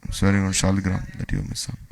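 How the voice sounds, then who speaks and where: A man's voice: sits low, monotone, fast, gravelly, a little mellow, rough recording. A man, giving a devotional talk, retelling scripture stories with quoted dialogue. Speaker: spiritual teacher.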